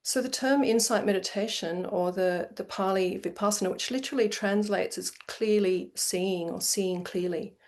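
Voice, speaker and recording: Brief: woman, meditation teacher, relaxed conversational lecture, online session. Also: mid-range voice, normal speed, few pauses. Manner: conversational, with many fillers and restarts. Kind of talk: informal lecture.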